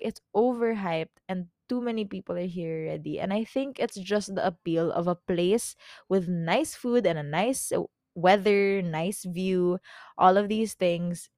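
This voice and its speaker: Young Filipino woman, twenties, podcast host; mid pitch, loose chatty delivery, dry close sound. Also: a little mellow, dry recording. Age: 20s. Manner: chatty, rambling, full of "like" fillers and quick self-corrections. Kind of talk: casual solo podcast chat.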